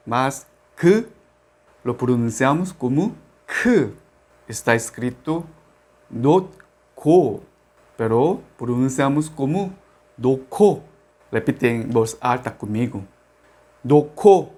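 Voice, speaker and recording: A man teaching a language lesson, speaking slowly and repeating each example word for the listener to say after him. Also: mid-range voice. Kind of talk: slow, deliberate language lesson.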